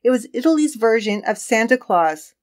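A woman's voice: fairly high pitch, lively intonation, normal speed. Chatty woman telling a crime story. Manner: chatty, laughs often, reads out the case story. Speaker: podcast co-host and storyteller. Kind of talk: casual true crime podcast chat.

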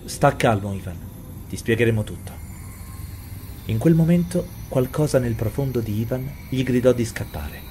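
A man narrating a horror story in a dramatic, expressive way. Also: lowish voice, slight background noise. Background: faint music.

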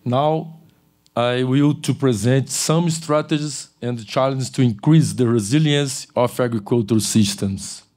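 Speaking into a podium mic in a large auditorium, an older keynote speaker gives a conference lecture in a medium-pitched, slightly mellow voice. He halts often, restarting and correcting himself.

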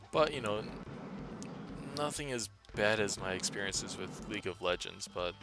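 Man, tired, monotone, low gravelly voice, rambling game commentary, music in the background. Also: normal speed. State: tired after a day's work. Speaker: gameplay commentator. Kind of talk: casual gameplay commentary.

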